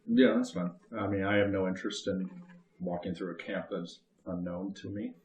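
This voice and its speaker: Low-voiced dry tabletop player man. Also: level tone, normal speed, a little mellow. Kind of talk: casual tabletop game chat. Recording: roomy echo with faint noise.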